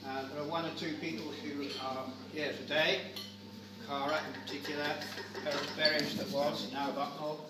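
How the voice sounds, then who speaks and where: An older man delivers an informal memorial speech in a halting, digressive way. He is picked up from a distance in a very reverberant room, with clear background noise. His delivery is unscripted and wanders between asides. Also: on the high side, flat delivery. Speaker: family member giving a speech at a memorial gathering. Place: large echoey room with a gathering.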